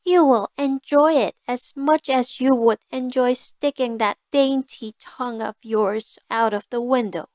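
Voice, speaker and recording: A woman voicing a greedy, haughty female cat in a fairy tale, with a smug and deliberate manner. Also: on the high side, fairly even intonation, a little mellow, dry recording, lightly acted. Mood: mocking.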